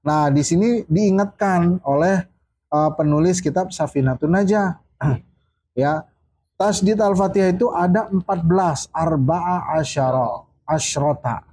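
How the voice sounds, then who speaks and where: A man teaching a casual study circle, drawling out recitation examples slowly and often checking that his students understand. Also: high-pitched, a little mellow. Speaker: religious teacher.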